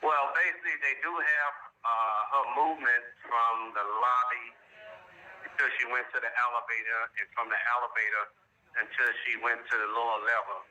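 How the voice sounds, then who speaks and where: A man's voice: mid-range voice, fairly even intonation, normal speed, bright, forceful tone, highs cut off. A man heard over speakerphone as a phone-in guest, talking in a plain, matter-of-fact way with occasional hesitations. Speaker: phone-in guest reporting on a case. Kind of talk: casual phone conversation.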